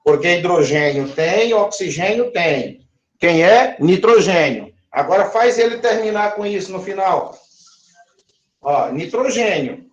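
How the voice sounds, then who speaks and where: A man's voice: high-pitched, animated, measured pace, muffled recording. A man teaching chemistry, drawing out words and often checking that his listeners follow. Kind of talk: recorded classroom lesson. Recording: echoey room.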